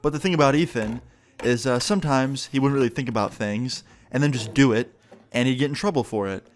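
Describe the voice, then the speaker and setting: A young man recounting a personal story in a loose, conversational way. He swears freely and plays out both sides of each exchange, at an ordinary pitch for a man. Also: a little fast. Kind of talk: casual storytime narration.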